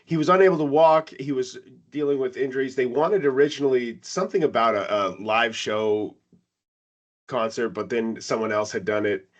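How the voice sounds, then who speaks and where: A man co-hosting a casual album review chat, telling stories with lively jumps in pitch. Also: normal speed. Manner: animated storytelling with big pitch jumps. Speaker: podcast co-host.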